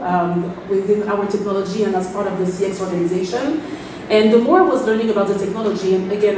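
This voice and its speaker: A woman from France, speaking on a panel in a businesslike, fluent way with quick bursts and fillers. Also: mid-range voice. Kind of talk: panel talk. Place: event space. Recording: echoey room, mic from far off, faint noise.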